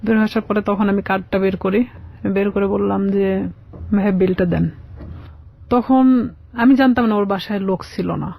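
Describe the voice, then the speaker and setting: Recounting her personal story as a radio guest, a woman speaks conversationally and often quotes what both people said. Her medium-pitched voice is steady in tone with vocal fry, at a moderate pace with frequent pauses. The lo-fi radio audio comes across slightly dull.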